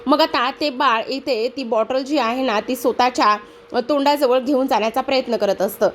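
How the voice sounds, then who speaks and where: Woman, serial recap narrator, fairly high voice, brisk storytelling, faint background hiss. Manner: brisk retelling with frequent hesitation sounds.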